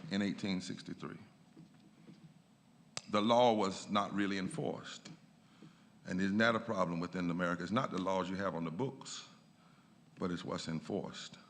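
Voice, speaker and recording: A man, a pastor, giving a lecture in a church, emphatic and rising in pitch on key points. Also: fairly even intonation, normal speed, long pauses, a little hiss or hum. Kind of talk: lecture with a preaching cadence. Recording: long church reverb.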